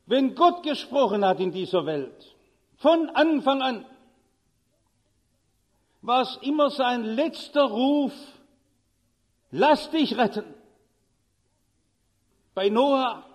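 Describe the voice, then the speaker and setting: A man's voice: very high-pitched, expressive, slow, pauses often, big-room sound. A male preacher giving a sermon, telling vivid stories and delivering urgent warnings.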